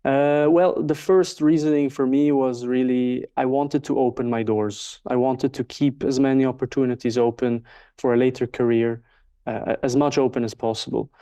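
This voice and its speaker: Smooth-voiced young Swiss man. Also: medium pitch, fairly even intonation, moderate pace, dark tone. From Switzerland. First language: Swiss German. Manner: thoughtful, many fillers and hedges. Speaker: interview guest, market researcher. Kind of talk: casual interview.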